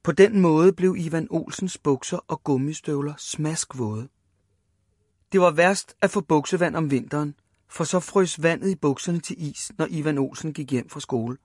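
A man reading a children's story aloud, lively and voicing the characters. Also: fairly high pitch, husky, no room sound, studio quality.

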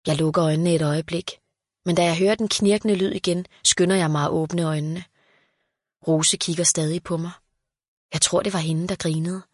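A woman reads a children's story aloud in a calm, even voice. Her pitch sits low for a woman, and the recording is dry and close, with no room sound. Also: no echo. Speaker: narrator.

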